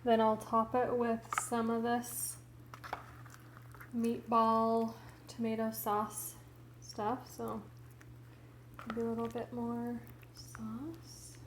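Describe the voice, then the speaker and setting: Slow-talking woman in a home kitchen. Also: fairly high pitch, monotone, echoey room, very noisy. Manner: slow, homely commentary while plating food. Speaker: home cooking vlogger. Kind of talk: casual cooking vlog narration.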